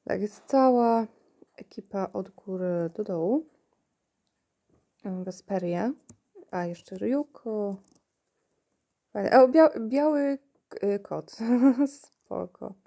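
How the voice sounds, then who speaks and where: A woman's voice: medium pitch, takes it slowly, gravelly, pauses often, warm tone. A woman unboxing toys at home in casual chat, recorded on a tablet, often laughing and talking to her puppy. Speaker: unboxing vlogger.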